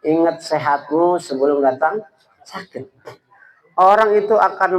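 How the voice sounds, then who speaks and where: A man preaches in a loose, conversational way, stumbling and restarting as he goes. His voice sits a little high, and he keeps turning to his listeners as if chatting with them. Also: rough recording. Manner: halting, stammering delivery; colloquial, addresses listeners directly. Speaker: preacher at a religious study gathering. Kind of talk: informal sermon.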